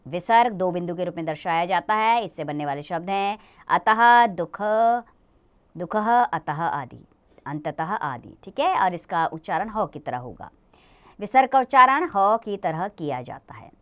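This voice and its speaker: A woman teaching a children's grammar lesson, explaining slowly and patiently, often asking the children questions. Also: on the low side, expressive, a bit bright.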